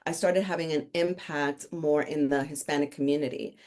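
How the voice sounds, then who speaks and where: Her voice is low-pitched and a little mellow, with fairly even intonation and a moderate pace. She is a middle-aged Dominican author and consultant, a podcast guest casually and humorously describing her career in an interview chat.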